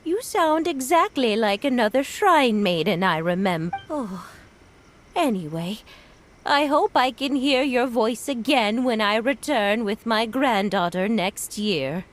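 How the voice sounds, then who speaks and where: A woman voicing a gentle, grateful elderly grandmother in a video game, speaking earnestly and without hurry. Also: a little high, animated, unhurried, a little hiss or hum. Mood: grateful, kindly. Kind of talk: English game voice acting.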